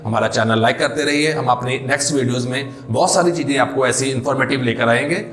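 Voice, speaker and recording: A man teaching English pronunciation in a classroom-style lesson, mixing Hindi with English terms and asking questions he answers himself, slowing down on key words. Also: medium pitch, fairly bright tone, reverberant.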